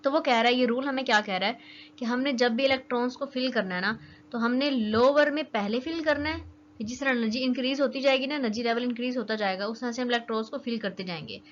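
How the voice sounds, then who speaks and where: Speaking fast in a fairly high voice, a young woman teaches chemistry in a relaxed, talkative way, tossing in "okay" again and again to check in. The recording is dull and lo-fi with a faint hiss.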